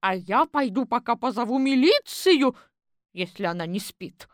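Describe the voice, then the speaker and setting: A bossy, suspicious sporty woman, voiced by a woman narrator for an audiobook. She is shrill, high and loud, barking orders. The recording is dry and close. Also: expressive, normal speed, dry recording, close to an everyday voice. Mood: commanding. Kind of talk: audiobook character voice.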